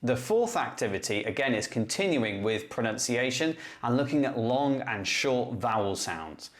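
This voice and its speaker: A man who teaches English, talking through a step-by-step tutorial in a clear, methodical way. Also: medium pitch, lively intonation, normal speed. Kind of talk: classroom-tech tutorial explanation.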